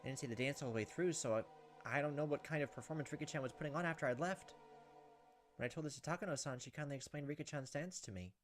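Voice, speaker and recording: Over game music, a male let's player reads a visual novel aloud, narrating with flair and acting out each line. His voice is fairly high and he talks fast.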